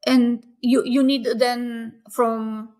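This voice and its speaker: Founder guest, female, fairly high voice, casual and reflective with lots of ums. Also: little pitch movement, very slow, a little mellow. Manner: thoughtful, many fillers and restarts. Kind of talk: casual interview answers.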